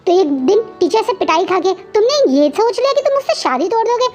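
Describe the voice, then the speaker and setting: A woman's voice: high voice, natural voice. Woman playing a stern, scolding young man. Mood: angry, scolding. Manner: scolding, rapid, raised voice.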